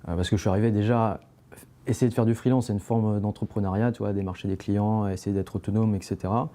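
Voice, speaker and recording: A man's voice: lowish voice, steady tone, fast talker, warm tone. A young man, a podcast guest, talking casually and rambling with many fillers and restarts. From France. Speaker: interview guest, climbing brand founder.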